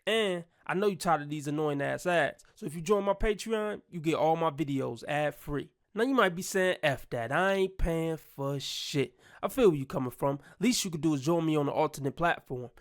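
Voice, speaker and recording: Brief: male vlog host, slightly higher voice, blunt and profane, ranting opinions. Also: moderate pace, few pauses. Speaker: channel host and commentator.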